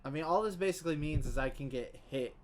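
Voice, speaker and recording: A slightly high-voiced fast talker from the Southern US streams games in a Southern accent, rambling and joking casually. He mocks himself and squeals with sudden excitement, and clear keyboard typing and clicks can be heard in the background.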